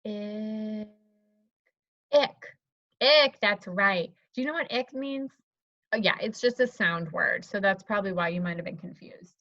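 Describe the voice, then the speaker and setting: A woman teacher demonstrating a phonics lesson to an imagined student, encouraging and modeling words slowly. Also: medium pitch, expressive, bright, forceful tone, no echo. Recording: slightly dull, dry recording.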